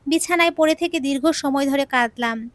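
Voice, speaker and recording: A woman's voice: high-pitched, a little fast, no echo. A woman telling an emotional audio story in the first person, earnest and sorrowful, on a close mic.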